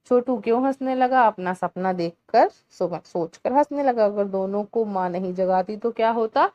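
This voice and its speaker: A woman teacher slowly walking young children through a Hindi workbook lesson, sounding out syllables clearly one by one. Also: medium pitch, no room sound, dull audio. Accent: Indian Hindi.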